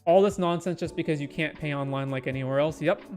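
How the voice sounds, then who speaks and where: A man's voice: fairly high pitch, quick pace, a little mellow, soft background music. A man telling a long, exasperated story in a casual, rambling way. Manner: exasperated, rambling anecdote with quoted asides.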